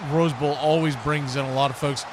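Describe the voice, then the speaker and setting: A livestream host and play-by-play man talks a little fast in a steady, mid-range voice. He keeps the sports commentary folksy and conversational, addressing viewers over audible background ambience on a noisy stream.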